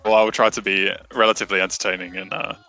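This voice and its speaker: A British man commentates a live online fighting tournament in a chatty, self-mocking way. His voice sits low but cuts through brightly. Soft music plays underneath. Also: flat delivery, rapid-fire. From Britain. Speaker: esports caster.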